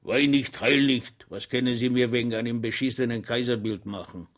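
A man voicing a gruff, crude innkeeper in an audiobook. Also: on the high side, lively intonation, normal speed, darkish tone, voice pushed up.

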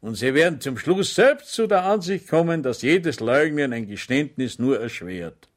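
A man voicing a friendly but cunning village police sergeant who talks in a smooth, mockingly polite way. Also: mid-range voice, animated, moderate pace, voice pushed up, natural voice. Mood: coaxing.

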